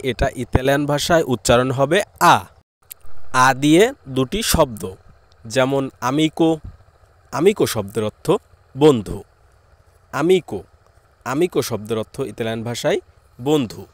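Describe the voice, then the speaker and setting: A man with a Bangladeshi Bengali accent gives a language lesson at a steady middle pitch. He goes slowly, saying each word and then its meaning again and again. The sound is dry and close. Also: no room sound. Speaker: language teacher.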